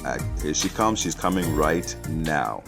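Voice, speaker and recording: A man's voice: extremely low pitch, sing-song, measured pace, creaky. A man hosting a red carpet show, announcing arrivals to the camera. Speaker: host. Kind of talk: presenting to camera. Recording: music playing behind.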